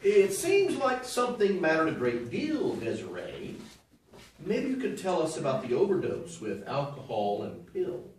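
Coaxing therapist, voice swoops high n low, echoey stage. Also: male voice, wildly swooping pitch, unhurried, slight background noise. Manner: coaxing, gently prodding. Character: patient male group therapist. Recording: echoey stage, distant mic.

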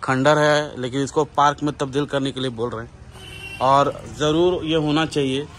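A man's voice: mid-range voice, steady tone, normal speed, fairly bright tone. Vlogger dude walking around outside w his phone, chatty, keeps telling you to look, faint noise in the background. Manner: chatty, lots of "dekhiye" pointing things out. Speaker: vlogger and interviewer. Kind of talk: walking tour vlog commentary. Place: outdoors walking around an old bungalow compound. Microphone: phone camera held by the speaker.

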